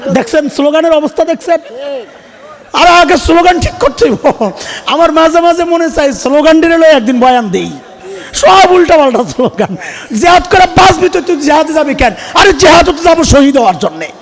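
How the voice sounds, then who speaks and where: A man in his fifties from Bangladesh preaching a fiery, humorous sermon, joking and shouting rhetorical questions to the crowd through a PA microphone. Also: very high-pitched, lively intonation, brisk. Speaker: Islamic preacher. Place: religious gathering at a school ground. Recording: reverberant PA sound with long echo.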